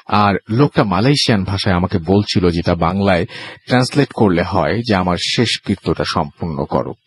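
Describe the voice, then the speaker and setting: A man's voice: fairly low pitch, husky, no echo. A man hosting a storytelling show, reading a listener's ghost story aloud, with a sore throat. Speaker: host reading a listener's email.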